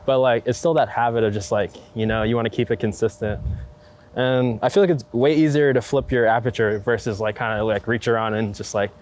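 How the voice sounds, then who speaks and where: A young street photographer is interviewed in a casual street chat, talking in halting, slangy phrases full of fillers. His voice is medium-pitched and steady. Loud city traffic and passing vehicles fill the outdoor recording on busy streets.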